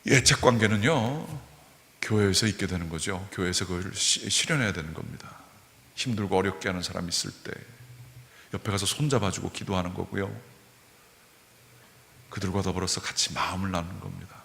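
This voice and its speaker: A man's voice: low voice, fairly quick, vocal fry, long pauses, sharp tone. Earnest male preacher in a church hall. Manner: earnest, repeats key phrases for emphasis. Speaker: guest revival preacher. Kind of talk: sermon. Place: church sanctuary.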